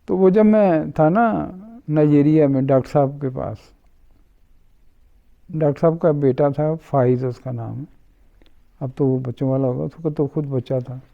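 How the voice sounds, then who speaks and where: A middle-aged man talks through his memories at an easy pace, voicing each person in the story as he goes. His voice sits a little high and has a gravelly edge. The recording sounds dull and lo-fi. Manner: unhurried, quotes others in dialogue. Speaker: interview guest. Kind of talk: storytelling in conversation.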